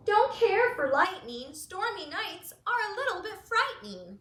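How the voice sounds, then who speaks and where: A woman's voice: very high voice, sing-song, measured pace, a bit bright, echoey room, pitched above the performer's own voice, heavily acted. A woman doing a frightened honking goose.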